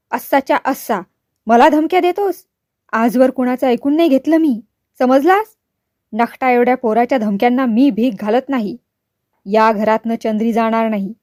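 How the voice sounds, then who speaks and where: A woman reading the lines of a stern, hot-tempered older father in a storybook, gruff and scolding. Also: fairly high pitch, normal speed, no echo, studio quality, natural voice. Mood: furious. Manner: gruff, scolding, shouting in anger.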